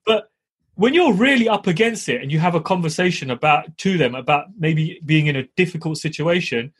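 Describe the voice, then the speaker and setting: A man's voice: on the high side, animated, a little fast, slightly rough. A middle-aged man chatting casually as a podcast co-host, blunt and emphatic, with slangy tags and swearing. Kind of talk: casual chat with slangy advice to listeners.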